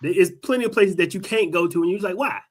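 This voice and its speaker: A man's voice: high voice, fast talker. A man co-hosting a casual podcast, talking in loose slang with some swearing. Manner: slangy, profane. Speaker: podcast co-host.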